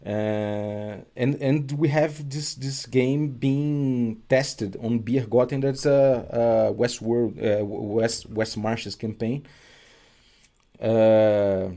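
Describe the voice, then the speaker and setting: This is a Brazilian game designer with a Brazilian Portuguese accent, talking in a casual podcast conversation. His medium-pitched voice is steady and warm, but his speech is halting, full of fillers, and he often stops and restarts his sentences.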